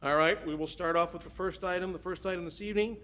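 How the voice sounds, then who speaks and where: A man chairing a planning board meeting, reading procedural rules in a measured way. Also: high-pitched, steady tone, a bit bright.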